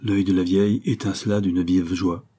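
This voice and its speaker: A man narrating a novel in a steady, measured way. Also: low voice. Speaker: audiobook narrator. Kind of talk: reading a novel aloud.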